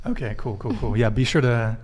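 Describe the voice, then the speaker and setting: Male podcast host, casual and joking, mid-pitched, quick follow-up questions. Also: darkish tone. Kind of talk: casual live-stream chat.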